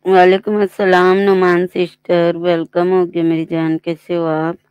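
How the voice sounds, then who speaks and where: A woman hosts a live stream and greets each viewer in turn, reading chat aloud in a slow, level, unhurried voice. Her tone is smooth and clear. The sound is close and dry, with a slightly dull, lo-fi edge. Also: fairly low pitch, flat delivery, no echo.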